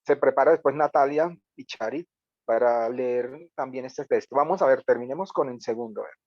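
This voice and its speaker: A man's voice: medium pitch, normal speed, dry recording. A man coaches a radio class, talking loosely and acting out example lines. His voice sits close and dry. The video call sound is dull and muffled. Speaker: radio workshop teacher. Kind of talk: online class feedback.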